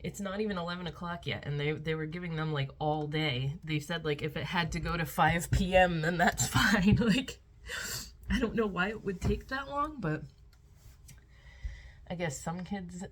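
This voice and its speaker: A woman's voice: on the low side, normal speed. A middle-aged woman vlogging casually at home, rambling through her day with filler words, talking into a phone camera. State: out of breath. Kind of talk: casual vlog chat. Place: at home indoors.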